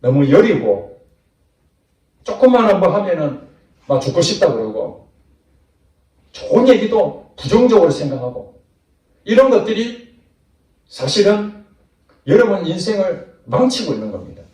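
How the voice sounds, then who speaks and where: A man's voice: high voice, big pitch swings, unhurried, pauses often, dark tone. A man preaching a sermon as pastor, acting out short asides of imagined people. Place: church sanctuary. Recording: echoey church hall from far off.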